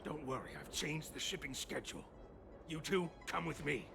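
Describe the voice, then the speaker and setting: Creaky-voiced, theatrically menacing villain henchman. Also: on the high side, lively intonation, normal speed, noisy background. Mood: gruff, conspiring. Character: male villainous smuggler henchman, furtive and contemptuous. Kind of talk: video game voice acting.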